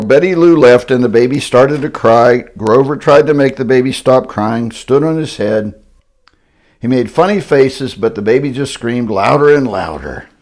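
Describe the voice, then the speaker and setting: Gravelly older man reading aloud. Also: medium pitch, darkish tone. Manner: wry, joking asides between lines. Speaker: grandparent reading to children. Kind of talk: reading a storybook aloud with asides.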